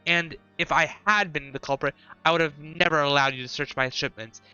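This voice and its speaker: A man's voice: on the high side, steady tone, fairly quick, pushed and bright, clear, resonant tone, no room sound, muffled recording, faint music behind. A man reading aloud the lines of an offended, formal male porter from a video game. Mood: indignant. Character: indignant male porter accused of smuggling.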